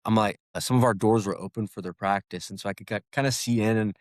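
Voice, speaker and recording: A man's voice: lowish voice, fast talker, no room sound, clean studio sound. A young man hosting a podcast interview, talking casually and rambling with many restarts. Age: young adult. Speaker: podcast host.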